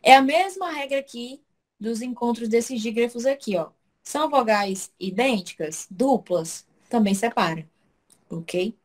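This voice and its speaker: A woman's voice: a little high, expressive, measured pace, a little mellow. Woman teaching an online class. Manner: explains step by step, checks in often with "né?" and "ok?". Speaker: Portuguese teacher.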